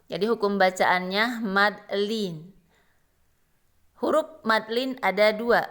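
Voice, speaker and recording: A woman's voice: medium pitch, a bit bright. A woman giving a recitation lesson, explaining rules patiently and chanting verse examples. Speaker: Quran recitation teacher.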